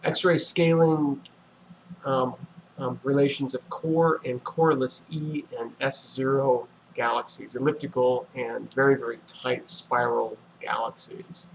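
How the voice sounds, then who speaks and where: Slow, gravelly-voiced man musing aloud. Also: mid-range voice, fairly even intonation, a little hiss or hum, poor audio. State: relaxed and yawning. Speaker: livestream host. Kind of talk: casual livestream talk.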